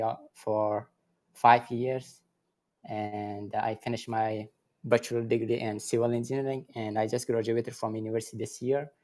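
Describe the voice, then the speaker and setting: A man's voice: mid-range voice, a little mellow. A young man from Afghanistan, a recent civil engineering graduate, speaking hesitantly in simple phrasing in a casual online chat. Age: young adult. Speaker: community member. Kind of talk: casual chat on an audio room.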